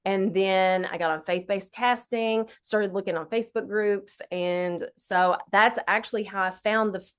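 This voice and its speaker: A woman's voice: medium pitch, fairly even intonation, measured pace, few pauses, smooth. A woman with an Appalachian accent chatting casually as an interview guest, in a folksy, unflattened dialect. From Appalachia, United States.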